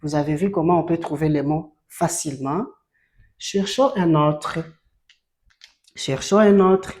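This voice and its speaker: Speaking a little slowly in a mid-range, darkish voice, this French teacher works through syllables one at a time. Learners are asked questions often and made to repeat each drilled sound.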